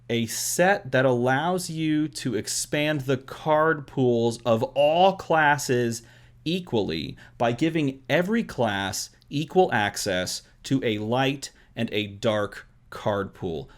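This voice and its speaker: A man hosting a trading card game video, rambling excitedly to his viewers in an overexcited babble, with emphatic repeated questions. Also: mid-range voice, slow pace.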